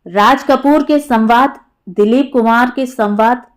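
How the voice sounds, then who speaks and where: A woman narrating an audiobook story in a measured, expressive way. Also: a little high. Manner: slow and measured.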